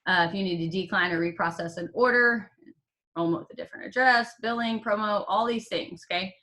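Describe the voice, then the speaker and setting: Upbeat woman, bright tone, runs a team call while hiccuping, casual and joking. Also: medium pitch, brisk. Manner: upbeat and chatty, with fillers and jokes. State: has the hiccups. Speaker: team leader.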